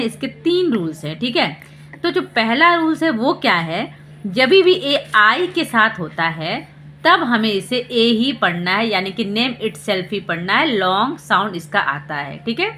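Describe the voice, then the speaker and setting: A woman, hosting a parenting channel, explains phonics slowly and deliberately and asks rhetorical questions. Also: a little high, sharp tone, a little hiss or hum.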